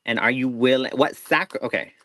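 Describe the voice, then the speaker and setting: A man's voice: mid-range voice, a little fast, bright, forceful tone, no room sound, low-quality recording. A man co-hosting a live show, giving a tarot reading in a rambling, self-interrupting way with folksy reassurance. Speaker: tarot reader, co-host.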